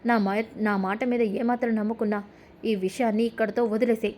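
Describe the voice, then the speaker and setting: A woman voicing a calm elderly father. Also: a little high, brisk, a little hiss or hum, close to an everyday voice. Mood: pleading. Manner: calm, pleading for peace.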